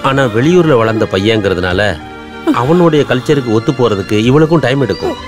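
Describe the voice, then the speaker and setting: An actor playing a wealthy father of a mute girl, speaking calmly and soothingly. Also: mid-range voice, a little fast, natural voice. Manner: calm, soothing. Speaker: film character. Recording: film soundtrack with music underneath.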